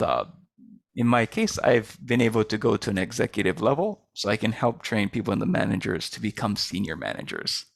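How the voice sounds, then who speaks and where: A man introducing himself as a business coach in an informal group discussion, explaining haltingly and rephrasing as he goes. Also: lowish voice, creaky, dry recording. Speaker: business coach for school owners.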